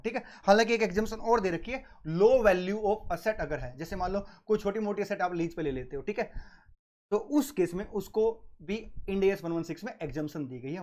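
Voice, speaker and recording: A man giving a classroom lecture on accounting, asking his students questions and answering them himself, and fondly addressing them as "beta" and "sahab". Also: high-pitched. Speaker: accounting exam tutor.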